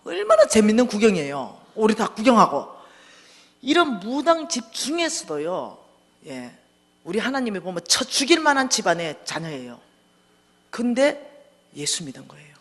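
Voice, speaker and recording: A woman's voice: mid-range voice, wildly swooping pitch, moderate pace. A woman telling a humorous testimony in a sermon, acting out dialogue and laughing often. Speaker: church speaker giving a testimony. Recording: reverberant hall.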